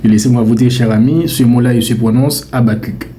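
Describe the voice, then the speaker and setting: A man with a Haitian accent, teaching French pronunciation on his channel, repeating words slowly and playfully scolding mistakes. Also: mid-range voice, steady tone, warm tone, slight background noise. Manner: emphatic, repeats words slowly to correct them; playfully scolding, calls mispronunciations mean. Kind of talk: direct-to-camera language lesson.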